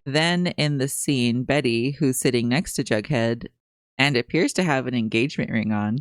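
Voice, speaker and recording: A podcast co-host reads TV recap notes in a tongue-in-cheek newscaster style, then slips back into casual chat. The voice sits at a middle pitch. It is recorded close and dry, with no room sound. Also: moderate pace, no room sound.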